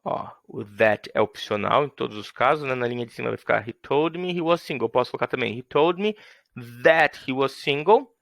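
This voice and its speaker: A man's voice: mid-range voice, fairly quick, gravelly, a bit bright, no echo. A man teaching English grammar in a playful way, acting out little scenes to show his examples. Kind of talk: explaining grammar to students.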